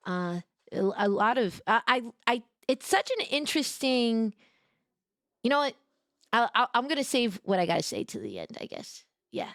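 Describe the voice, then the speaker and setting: A woman's voice: fairly high pitch, big pitch swings, moderate pace, fairly bright tone, no echo, studio quality. A woman from New York hosting a casual livestream as a VTuber, chatting in the manner of a diner waitress with effusive, sing-song greetings. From New York, United States. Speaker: VTuber streamer and host.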